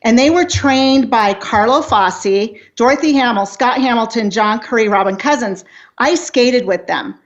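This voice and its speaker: Fifties female life coach, motivational chat guest, slightly high pitch, dull muffled audio. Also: measured pace. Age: 50s. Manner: earnest, motivational, with restarts. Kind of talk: casual interview chat.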